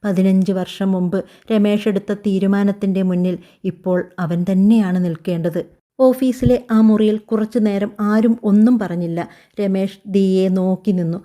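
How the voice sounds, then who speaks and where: A woman narrating a scripted family story in a calm, even, unhurried way. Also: medium pitch.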